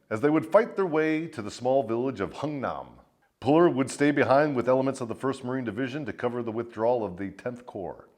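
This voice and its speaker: A first sergeant hosting a military storytelling show spins war stories with swagger and theatrical flair. His pitch roams widely as he milks the drama, and the scripted delivery is crude, profane and darkly funny.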